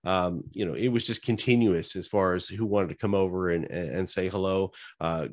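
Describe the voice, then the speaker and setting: Low-voiced emotional man. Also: normal speed, dry recording. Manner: emotional, rambling with many fillers. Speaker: podcast co-host. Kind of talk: casual podcast chat.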